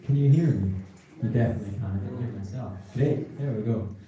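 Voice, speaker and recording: A man's voice: medium pitch, quick pace, noisy background. A man with a Hebridean Scottish accent, a folk musician talking casually and a little hesitantly between tunes on stage. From North Uist, Western Isles, Scotland. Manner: hesitant, rambling, informal. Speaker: folk piper introducing his set on stage. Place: indoor concert hall, on stage. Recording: echoey hall, distant live concert pickup.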